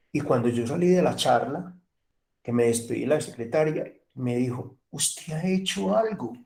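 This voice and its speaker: A man's voice: mid-range voice, dark tone. A middle-aged Colombian man teaching an online university class, telling stories and acting out bits of dialogue. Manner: storytelling, acts out dialogue, repeats himself. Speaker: university lecturer.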